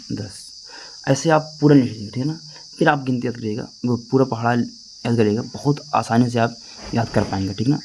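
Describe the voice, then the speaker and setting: A man's voice: mid-range voice, a little mellow, a little hiss or hum, poor audio. Patient male teacher chanting tables. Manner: patient and repetitive, chants times tables in a sing-song rhythm; keeps checking in with the listener. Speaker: math teacher. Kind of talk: classroom-style tutorial.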